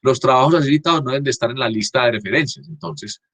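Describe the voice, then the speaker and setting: Husky-voiced male teacher, dry close computer mic, halting delivery with frequent restarts. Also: mid-range voice, a bit bright, dry recording. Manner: halting, frequent restarts, checks understanding with "¿cierto?". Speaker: university teacher. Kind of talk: online class lecture. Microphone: computer mic on a video call.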